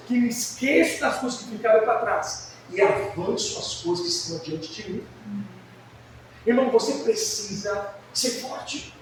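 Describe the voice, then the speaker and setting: High-voiced preacher man in an echoing church. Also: slight background noise. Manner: lively storytelling with shouted peaks and hushed asides. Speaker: pastor. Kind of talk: sermon. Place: church hall. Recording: echoey church sound from far off.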